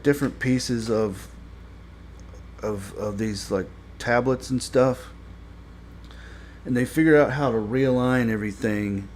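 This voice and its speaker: A man giving a casual spoken review, rambling and halting with many fillers and restarts, blunt and critical. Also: medium pitch, a little mellow, a little hiss or hum. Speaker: show reviewer.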